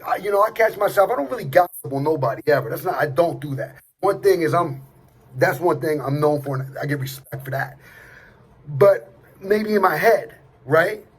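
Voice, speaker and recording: A man's voice: on the high side, animated, moderate pace, husky. A middle-aged man giving a blunt, streetwise motivational talk, swearing at times and repeating himself. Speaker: motivational speaker. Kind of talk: motivational monologue to camera.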